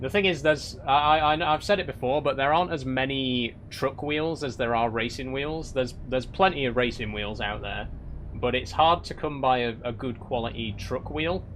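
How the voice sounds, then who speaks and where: A young man from Yorkshire, speaking with the local accent, reads viewer comments during a live stream at a normal speed. His mid-range voice is a bit bright, and he chats away with frequent restarts and light, wry teasing as slight background noise carries through.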